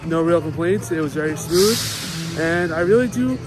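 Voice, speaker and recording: A man's voice: a little high, expressive, normal speed, over music, poor audio. A man giving casual, matter-of-fact roller coaster reviews as a vlogger outdoors at an amusement park. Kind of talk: casual vlog review to camera.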